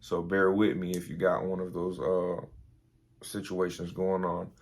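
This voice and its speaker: A man's voice: sits low, level tone, measured pace. A tired young man, telling an army story in a casual, rambling way with many fillers. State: tired, early morning. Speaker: vlogger, army veteran.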